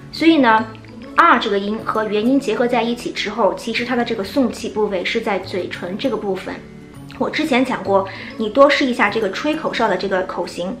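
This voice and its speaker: A woman whose first language is Chinese, teaching English pronunciation and slowly demonstrating sounds. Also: fairly high pitch. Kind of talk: pronunciation lesson. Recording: echoey room with faint music.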